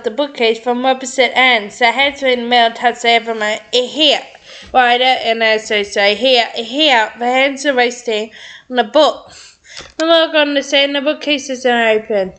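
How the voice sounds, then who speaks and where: A woman reading a script aloud in an excited, giggly way, stumbling over words and stopping to react. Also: high voice, normal speed. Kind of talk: excited read-through with commentary.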